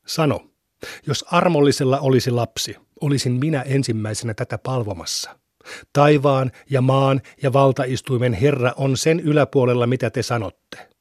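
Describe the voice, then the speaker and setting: A man giving a solemn, measured reading of a scripture translation. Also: medium pitch, no echo, studio quality. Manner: measured, even recitation. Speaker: scripture reader.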